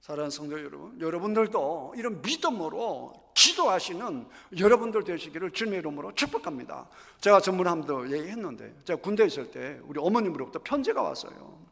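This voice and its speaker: A man's voice: a little high, animated, a little fast, gravelly, few pauses, fairly bright tone. A middle-aged male pastor preaching a sermon emphatically in a church sanctuary, acting out scripture scenes with drama. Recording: echoey church hall.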